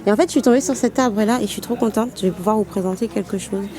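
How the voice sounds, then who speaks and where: A woman's voice: medium pitch, very fast, warm tone. A woman vlogging casually on holiday, explaining things in a chatty way while filming with a handheld camera outdoors. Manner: chatty, explains while walking, laughs often. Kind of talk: casual travel vlog.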